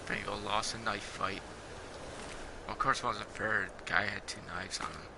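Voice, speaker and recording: A man's voice: on the low side, steady tone, moderate pace, vocal fry, noisy background. A man giving casual, rambling commentary as he plays a video game. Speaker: let's play streamer.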